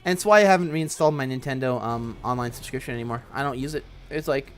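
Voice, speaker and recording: A man's voice: mid-range voice, fast talker. Rambling, foul-mouthed gaming streamer man. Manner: rambling, swears a lot, many restarts. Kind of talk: casual chat while playing.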